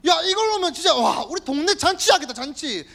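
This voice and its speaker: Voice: very high-pitched, sing-song, moderate pace, vocal fry, fairly bright tone, voice pushed up, full character voice. A youth preacher acting out a greedy, grumbling male disciple inside a sermon, with coarse exclamations over wasted money. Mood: indignant.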